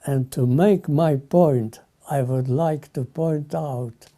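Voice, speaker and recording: An older man from Lithuania, giving solemn spoken testimony in short, halting phrases. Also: on the high side, dark tone.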